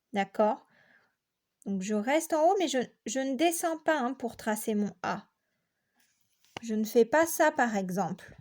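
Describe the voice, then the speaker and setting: A woman's voice: high-pitched, darkish tone. A woman teacher giving a patient, step-by-step handwriting lesson to young children. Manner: slow, patient step-by-step explanation. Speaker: primary school teacher.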